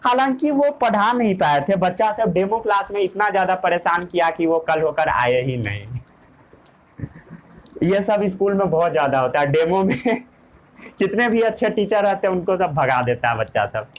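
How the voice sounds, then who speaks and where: A woman's voice: lowish voice, expressive, moderate pace, low-quality recording. A woman teaching a science class, asking questions and repeating the key words.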